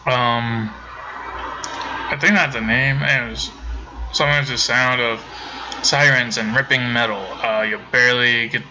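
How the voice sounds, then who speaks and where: A man's voice: mid-range voice, fairly even intonation, measured pace, pauses often, noisy background. A man streaming a game from home, chatting casually with viewers and rambling with many self-corrections. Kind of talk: casual let's-play commentary.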